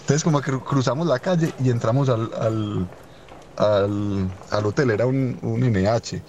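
A young man telling a funny anecdote in a rapid, rambling, amused way. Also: medium pitch, darkish tone, slight background noise. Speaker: storyteller. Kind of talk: casual anecdote.

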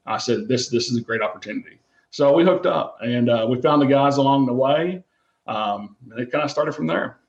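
An earnest, plain-spoken man from the United States chats casually as an interview guest. His pitch is average, and the recording is roomy and somewhat dull. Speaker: interview guest, television gold miner. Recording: roomy, dull lo-fi remote sound.

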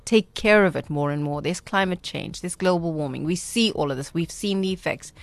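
A woman with a Durban Indian South African accent speaking as a radio interview guest, earnest and measured, with formal, emphatic wording. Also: fairly low pitch, dry recording. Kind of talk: radio interview, reflective storytelling.

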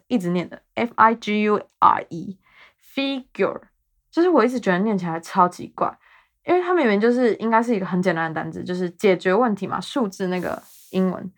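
A woman in her twenties with a Taiwanese Mandarin accent, hosting her podcast in a rambling, self-mocking casual chat. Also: medium pitch. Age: 20s. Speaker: podcast host.

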